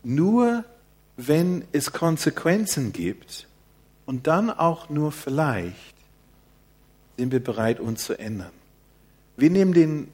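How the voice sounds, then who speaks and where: An older man preaching a sermon in a quiet, soft-spoken manner. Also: medium pitch, breathy edge.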